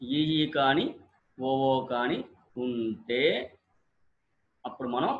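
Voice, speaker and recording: A man's voice: medium pitch, drawn-out words, phone-quality sound. A male teacher explaining English word stress in Telugu, repeating each example word twice with careful syllable stress. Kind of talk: exam-prep lesson on word stress.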